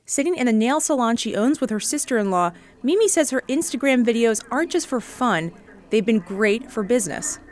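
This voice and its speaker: A woman reporter giving measured, scripted narration for a radio feature story. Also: fairly high pitch, animated.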